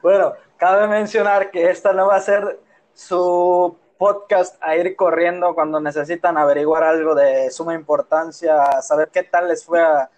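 His voice is fairly high and a little mellow, with a steady tone and a slightly slow pace. He's a podcast co-host from Yucatán, Mexico, speaking with a Yucatecan accent, rambling playfully on a casual podcast recorded by phone in his own room.

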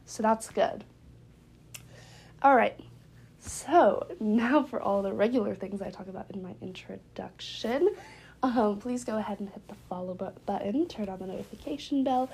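A woman's voice: medium pitch, normal speed, vocal fry, darkish tone, husky. A young woman hosting a casual solo podcast from her dorm room, sounding stuffy and congested, chatty with lots of filler words. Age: young adult. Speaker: podcast host.

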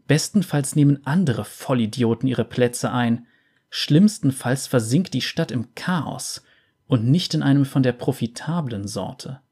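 A sharp-tongued female pirate captain from a video game, read by a man in his own low-key voice. The lines come slowly and sardonically, in a mellow, dark tone. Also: breathy edge, full character voice. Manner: sardonic, calculating inner voice.

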